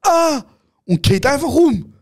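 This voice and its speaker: Ein junger Mann aus der Schweiz mit Schweizerdeutschem Akzent, Co-Host eines Podcasts, der eine Ferien-Anekdote lebhaft und aufgedreht erzählt und andere Leute laut nachspielt. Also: male voice, fairly high pitch, brisk, a little hiss or hum. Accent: Swiss German. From Switzerland. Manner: excited anecdote telling, acting out other people with shouts, calls the other host "Bro". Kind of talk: casual chat, animated storytelling.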